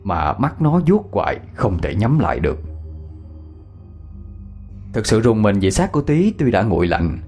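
A man narrating a ghost story in an expressive way. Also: lowish voice, measured pace, long pauses, soft background music.

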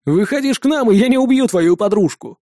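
A man's voice: sits high, animated, fairly quick, warm tone, dry recording, clean studio sound, pitched above the performer's own voice. A man voicing a cold, brash male officer who snaps threats and orders. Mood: threatening.

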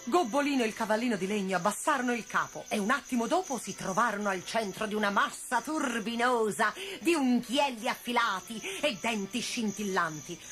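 A woman reading a children's fairy tale aloud. Her voice is high and very animated, rising and falling throughout her expressive storytelling. Soft music plays faintly underneath. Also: fairly quick, hardly any pauses.

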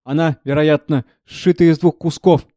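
A gruff old knight with a scarred face and a soft heart, voiced by a man. He rambles in a raised, heavy tone over a dark timbre, close and dry. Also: on the high side, steady tone, moderate pace, dry recording, pitched above the performer's own voice, natural voice. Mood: grieving. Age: older. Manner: grieving, rambling.

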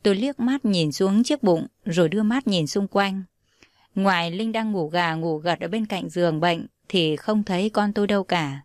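A young woman reads a first-person story in a calm, steady voice. Her pitch sits in the middle range, and the recording is dry and close with no room sound. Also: moderate pace, no echo.

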